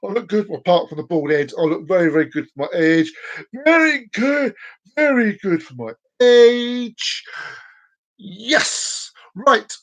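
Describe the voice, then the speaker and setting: A man's voice: high voice, big pitch swings, a little slow, fairly bright tone. A man in his forties hosts a live stream and talks straight to his viewers. He rambles playfully, repeats words and phrases, and keeps the chat loose and casual. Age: 40s.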